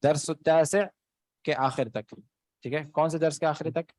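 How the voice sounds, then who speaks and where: A man's voice: on the high side, fairly even intonation, a little mellow, no echo. A man teaching an Arabic class online in Urdu, patiently explaining words and checking in with his students. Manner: patient, keeps checking with "okay". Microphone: online video call.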